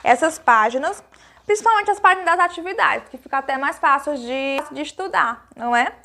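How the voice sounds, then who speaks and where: A Brazilian woman with a high, light voice gives a recorded grammar lesson to small children. She explains each point slowly and patiently, asks her pupils questions and answers them herself. She is affectionate and uses lots of diminutives. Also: animated, gravelly, bright, forceful tone, slight background noise. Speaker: primary school teacher.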